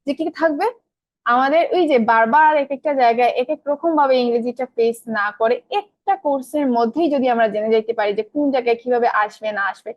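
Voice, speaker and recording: A young woman teaches an online class at a rapid clip. Her voice sits on the higher side, and she keeps quizzing her students and answering herself. The recording is dry and close. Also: dry recording. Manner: asks the class questions and answers them herself; colloquial, mixes in English terms. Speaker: English grammar teacher.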